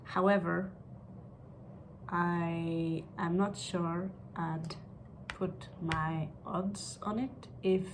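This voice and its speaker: A woman giving an unscripted tarot reading like a fortune teller, pronouncing on what the cards show in halting short phrases. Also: lowish voice, fairly even intonation, noisy background. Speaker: tarot card reader.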